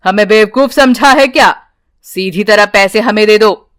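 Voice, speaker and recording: A woman's voice: medium pitch, unhurried, a bit bright, no echo, studio quality, close to an everyday voice. A woman voicing a greedy, bullying male thief in a storybook, speaking in a mocking, threatening way. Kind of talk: storybook character voice.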